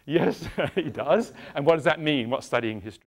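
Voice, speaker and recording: Lively English actor quizzing children. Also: male voice, on the high side, moderate pace, gravelly. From England. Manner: animated, questioning, playful with the audience. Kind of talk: interactive children's show. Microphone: clip-on microphone.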